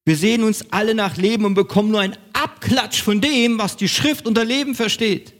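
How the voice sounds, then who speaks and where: A man's voice: sits high, a little fast. A man preaching a sermon in German as pastor of his congregation, with an emphatic, repetitive cadence.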